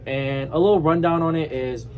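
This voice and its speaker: A man's voice: fairly high pitch, moderate pace, slight background noise, low-quality recording. A young man from Iraq, a student giving an informal, rambling class presentation about himself with frequent fillers and restarts. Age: young adult. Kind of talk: casual spoken class presentation.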